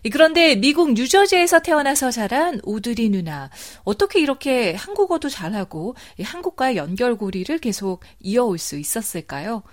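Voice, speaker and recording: A woman's voice: on the high side, sing-song, moderate pace, hardly any pauses. A woman hosting a program, reading scripted introductions and narration in a presenter's style. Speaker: program host.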